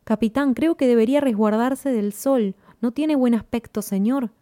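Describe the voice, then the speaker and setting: A woman's voice: a little high, normal speed, dark tone, pitched above the performer's own voice, lightly acted. A woman voicing a young male crewman who speaks respectfully and with concern to his captain. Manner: respectful, addresses the captain as sir. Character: worried young male crewman on a rocket expedition.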